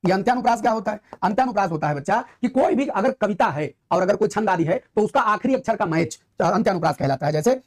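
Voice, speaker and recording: A woman teaches a grammar lesson in a mid-pitched voice. She explains with everyday examples and keeps asking rhetorical questions. She drives each key point home by repeating it with emphasis. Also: lively intonation, quick pace, hardly any pauses, a little mellow. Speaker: Hindi literature teacher. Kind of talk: classroom-style grammar lesson.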